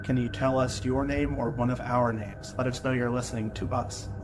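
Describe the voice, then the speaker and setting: A man with a mid-pitched voice talks to a ghost as a paranormal investigator, politely asking for responses. The sound is echoey, with loud noise all through it. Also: steady tone, normal speed. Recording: very noisy, echoey indoor location video.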